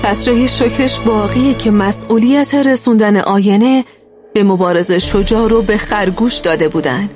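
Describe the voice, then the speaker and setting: A woman narrating a first-person children's story in a gentle, steady way. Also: medium pitch, over music.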